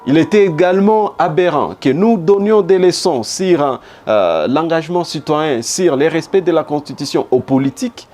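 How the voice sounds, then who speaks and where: Over soft background music, room ambience, and other noise, a man from DR Congo talks in a broadcast interview with a Congolese accent. This politician and former humanitarian worker has a slightly high, a little mellow voice, animated at a moderate pace with hardly any pauses. He's emphatic, repeating phrases for rhetorical effect.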